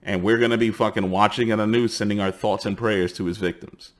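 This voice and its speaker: A man's voice: lowish voice, fairly even intonation, fairly quick. A man in his forties with a New York accent, from the Bronx, hosting a heated, swear-filled commentary and acting out the people he quotes. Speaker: host. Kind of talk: profane ranting commentary.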